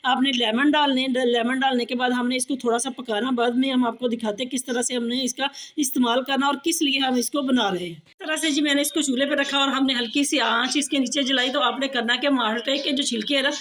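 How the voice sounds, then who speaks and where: A woman's voice: high voice, fairly even intonation, brisk, few pauses, a bit bright. A woman with a Pakistani Urdu accent giving a casual kitchen how-to demonstration. She has a sore throat and a cough, and she talks in a chatty, repetitive way, often addressing viewers as ji. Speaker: home cooking and tips vlogger.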